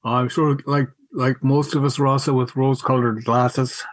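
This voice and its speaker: A middle-aged man, reminiscing casually in a halting, wry way and repeating words as he goes. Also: mid-range voice, little pitch movement, dry recording. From County Mayo, Ireland. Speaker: podcast guest, school alumnus.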